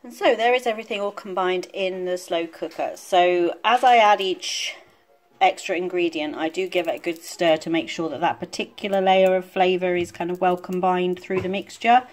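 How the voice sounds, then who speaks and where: A woman talking casually through each step of a home cooking demonstration in a relaxed, chatty way. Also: on the low side, normal speed. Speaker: home cook vlogger. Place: home kitchen.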